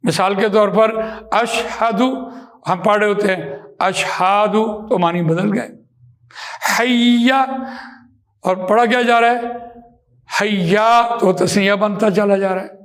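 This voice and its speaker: A man with a high voice teaches how to recite the Quran. He explains things patiently and repeats his points with examples. He draws out vowels and Arabic words slowly to show how they should sound. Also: fairly even intonation. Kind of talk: slow explanatory lesson.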